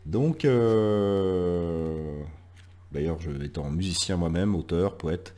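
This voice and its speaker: A man's voice: deep voice, slow pace, warm tone. A man hosting a poetry show, talking with hesitations and restarts, then reading poems aloud and building emphasis through repeated lines, often trailing off to near a whisper. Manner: hesitant, many "euh" fillers and restarts in talk; drops to near whisper at phrase ends. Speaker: poetry show host and reader. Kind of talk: casual spoken intro, then poetry reading.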